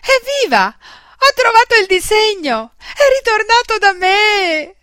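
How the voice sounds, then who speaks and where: A woman's voice: a little high, big pitch swings, measured pace, no echo, clean studio sound. A woman voicing a tender but headstrong little girl in a storybook reading, with whiny, exasperated outbursts. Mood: shouting.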